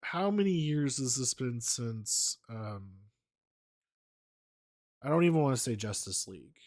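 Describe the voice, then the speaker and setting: A man's voice: medium pitch, lively intonation, a little slow, darkish tone. A man co-hosting a casual film podcast, opinionated, often hedging with "like". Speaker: podcast co-host. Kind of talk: casual chat.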